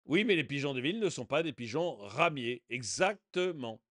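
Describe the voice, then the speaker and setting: A man's voice: medium pitch, expressive, moderate pace, a bit bright, dry recording. A man giving casual video commentary in a sarcastic, indignant way, often chuckling. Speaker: online commentator.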